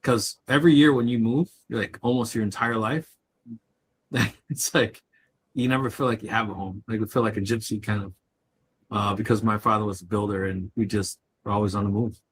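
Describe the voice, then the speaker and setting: A co-host from Chicago, USA, tells personal stories during a casual live chat, laughing often and keeping things chatty. He speaks briskly in a fairly low, steady voice, with slight background noise.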